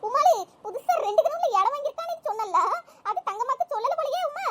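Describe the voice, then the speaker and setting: Squeaky cartoon village gossips. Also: female voice, expressive, quick pace. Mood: complaining. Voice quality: very high, sped-up chipmunk-like tone. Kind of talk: animated cartoon comedy voices. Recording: loud background hiss.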